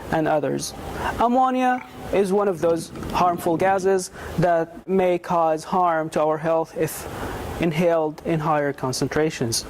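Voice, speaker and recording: Young man, higher voice, grad student walking through his study, faint hum behind. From Jordan. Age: young adult. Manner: measured, explanatory, some restarts. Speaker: graduate student researcher. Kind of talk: explaining his research to camera.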